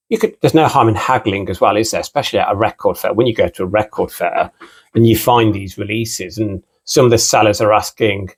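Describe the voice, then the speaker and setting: A British man with a mixed English and Irish accent, a record collector hosting his own channel and chatting casually. He rambles and keeps repeating "again" and "you know.". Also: medium pitch. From United Kingdom. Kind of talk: casual unscripted vlog talk.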